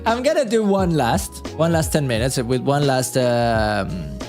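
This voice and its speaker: A man's voice: mid-range voice, very animated, a little slow, over music. A tired man streaming live, chatting alone in a rambling, self-talking way. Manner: rambling, self-talking, frequent restarts and chuckles. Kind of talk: casual solo live-stream chat.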